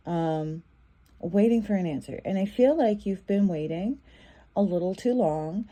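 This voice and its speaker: A woman's voice: mid-range voice, unhurried, dark tone. A woman giving a casual tarot reading, talking in a loose, repetitive way with many fillers and restarts. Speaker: tarot reader.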